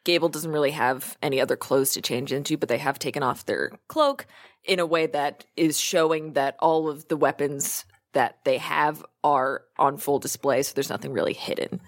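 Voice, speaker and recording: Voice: medium pitch, moderate pace. A tabletop game player speaking casually, improvising in-character banter and describing a character.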